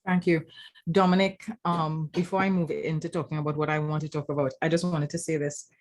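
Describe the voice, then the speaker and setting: Low-pitched and level, her slightly fast, slightly mellow voice carries a Trinidadian accent. She's an academic writing lecturer from Trinidad and Tobago speaking on an informal roundtable panel, explaining reflectively and repeatedly asking "right?".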